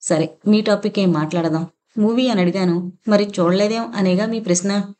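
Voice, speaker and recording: Woman as a bold young woman, direct, emotional, mellow tone. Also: mid-range voice, moderate pace, lightly acted. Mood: pleading.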